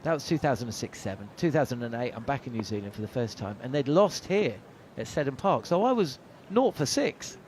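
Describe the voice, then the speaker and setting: Chatty middle-aged cricket commentator. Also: male voice, mid-range voice, very animated, brisk, hardly any pauses, darkish tone, slight background noise. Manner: chatty, anecdotal, frequent uh fillers. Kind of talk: ball-by-ball radio commentary. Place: commentary box at a cricket ground.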